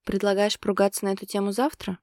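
A woman reading the lines of a sharp-tongued, stubborn young woman, with a sarcastic, teasing delivery, in an audiobook. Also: mid-range voice, level tone, fast talker, no room sound, studio quality, close to an everyday voice.

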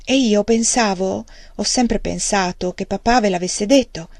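A woman's voice: mid-range voice, unhurried, a little mellow, dry recording, clean studio sound, lightly acted. A woman reading the lines of an earnest, troubled young woman who speaks in a pleading, sincere way. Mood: hesitant.

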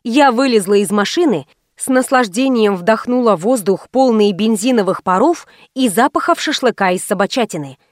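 A woman's voice: fairly high pitch, lively intonation, moderate pace, dry recording. Woman reading a wry story, dry and close. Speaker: audiobook reader. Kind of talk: first-person audiobook narration.

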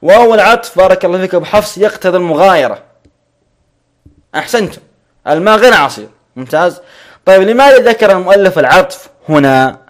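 A man teaching a grammar lesson, repeating each point slowly and checking that students follow. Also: high-pitched, expressive.

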